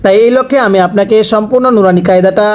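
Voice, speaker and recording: A man teaching Quran reading, slowly spelling out letters and their sounds for learners to repeat. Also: sits high, a little mellow. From Bangladesh. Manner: slow, deliberate spelling-out of letters with pauses. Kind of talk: slow recitation lesson with repeat-after-me drills.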